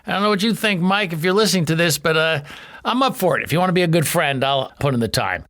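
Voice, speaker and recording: Male comedian host, scripted intro, teasing and self-mocking, bright animated delivery. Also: fairly high pitch, fast. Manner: playful, jokey and self-mocking. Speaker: podcast host, comedian and event MC.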